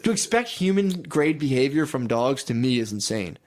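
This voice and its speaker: A young man chatting casually, talking in loose, rambling bursts full of swearing. He sounds defensive and keeps restarting his sentences as he tells one story after another. His voice sits at an ordinary pitch. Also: very animated, moderate pace. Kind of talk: casual chat.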